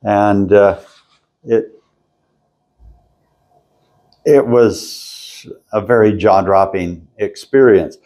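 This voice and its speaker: Slow, low-voiced older man. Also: mellow. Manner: slow, halting storyteller with frequent throat clearing. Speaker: interview guest. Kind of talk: casual storytelling interview. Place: convention floor.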